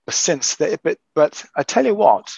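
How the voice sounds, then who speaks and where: A man recovering from an illness, talking in casual chat as a podcast host, halting and restarting often. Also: a little high, very animated, vocal fry, darkish tone, husky, dry recording, lo-fi sound. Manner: hesitant, halting with many restarts.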